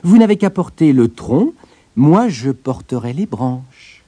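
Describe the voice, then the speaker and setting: A man voicing a small, boastful, cheeky male tailor in a storybook reading, in a much higher voice than his own. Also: very animated, takes it slowly, dark tone, slightly rough, no room sound, exaggerated voice. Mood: cocky.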